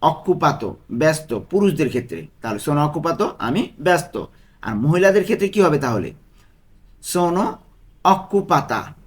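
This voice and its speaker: A man with a Bangladeshi Bengali accent teaching Italian phrases, repeating each one slowly and asking and answering his own questions. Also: fairly high pitch, sing-song. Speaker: language tutor. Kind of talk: Italian lesson taught in Bengali.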